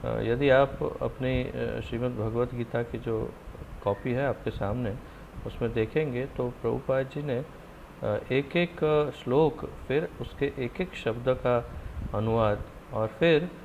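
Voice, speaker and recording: Gravelly male teacher running an online scripture class, firm and encouraging, muffled call audio with faint hiss. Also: mid-range voice, takes it slowly.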